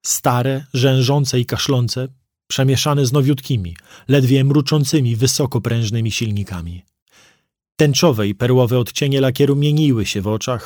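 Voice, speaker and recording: A man's voice: medium pitch, a little mellow, no room sound, studio quality. A man reading a first-person story aloud as an audiobook narrator, with vivid storytelling delivery.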